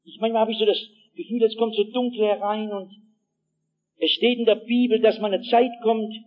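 A man, a pastor, preaching an evangelistic sermon with personal anecdotes, telling them dramatically and swinging from hushed tones to shouts while he speaks straight to his listeners. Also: high-pitched, level tone, moderate pace, phone-quality sound. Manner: addresses the audience directly with asides.

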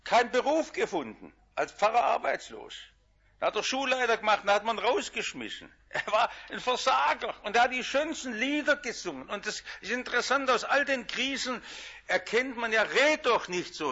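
A man preaching a sermon, shifting between loud emphatic lines and hushed quiet ones. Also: on the high side, slightly rough, muffled recording.

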